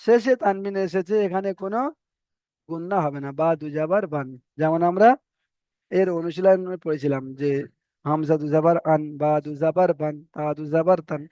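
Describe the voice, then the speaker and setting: Male teacher, high clear voice, dry and slightly muffled recording, spells letters then chants them slowly. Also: dark tone, dry recording. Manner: spells letters and vowel marks aloud, then draws out the chanted word slowly. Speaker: Quran reading teacher. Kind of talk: spelled-out recitation lesson.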